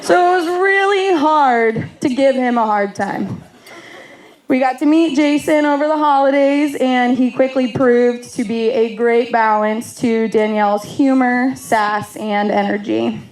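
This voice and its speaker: A woman's voice: on the high side, fairly even intonation, measured pace, darkish tone, rough recording. A woman in her thirties, the bride's oldest sister, giving a wedding toast with self-deprecating humor, laughing through her lines and getting emotional.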